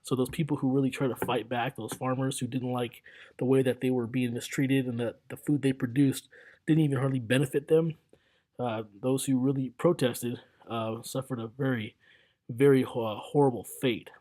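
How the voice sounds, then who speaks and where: A man's voice: medium pitch, fairly even intonation, moderate pace, mellow. A young man lecturing casually over slides as a history teacher, talking in a loose, conversational way with fillers and restarts.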